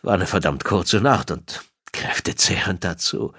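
A flustered husband who stalls with fillers and stammers as he dodges questions, voiced by a man in a deep register. The sound is dry and close, with a lively pitch. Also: unhurried, husky, dry recording, exaggerated voice. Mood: evasive. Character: nervous evasive husband, adult man. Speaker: psychologist character. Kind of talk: audiobook dialogue.

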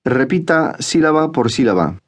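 A man with a mid-range voice narrates a language lesson, giving calm and clear instructions at a measured pace. His delivery is steady and scripted. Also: medium pitch.

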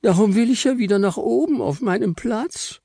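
A man's voice: moderate pace, gravelly, warm tone, no room sound, studio quality. A man voicing a self-important, big female chocolate star who whines and wails melodramatically. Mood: eager. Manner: shrill, wailing and melodramatic.

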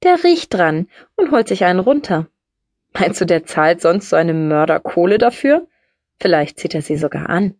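A brash young woman in an audiobook, blunt and matter-of-fact, her voice rising and falling with lively swings, as a woman narrator puts her on. The sound is close and dry, with no room around it. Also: on the low side, normal speed, no room sound. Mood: breezy.

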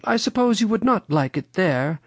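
A reader voicing Mother Goose, a kindly old storybook lady with a dramatic, drawn-out way of exclaiming. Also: medium pitch, big pitch swings, dry recording, voice pushed up. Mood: kindly, helpful.

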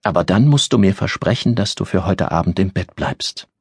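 A man's voice: low voice, lively intonation, normal speed, husky, no room sound, studio quality, full character voice. A man reading an audiobook, voicing a kindly female caretaker who speaks in a soothing, motherly way. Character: adult female caretaker, stern but kindly.

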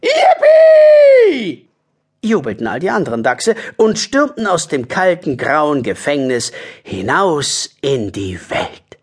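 A man narrating a children's audiobook in an expressive, storytelling way. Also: mid-range voice, measured pace, slightly rough.

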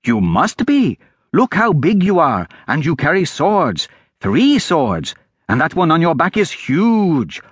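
A man voicing an eager, wiry adolescent boy who wheedles and calls out loudly in an audiobook. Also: a little high, huge pitch swings, takes it slowly, husky, no room sound, pitched above the performer's own voice, heavily acted.

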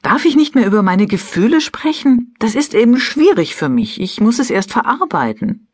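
A woman's voice: fairly high pitch, sing-song, unhurried, darkish tone, breathy edge, no echo, voice pushed up, exaggerated voice. Woman reading as an indignant wife in her fifties.

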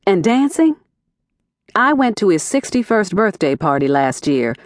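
Woman, audiobook narrator, wry storytelling, slow deliberate pace, dry studio sound. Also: mid-range voice, sing-song, dry recording. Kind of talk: scripted first-person mystery narration. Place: recording studio. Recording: dry, close studio recording.

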